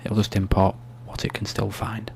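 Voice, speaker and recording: A soft-spoken man giving an ASMR-style screen tutorial, explaining steps in a hushed, unhurried, informal way. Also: on the low side, monotone, creaky. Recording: faint hum and background noise.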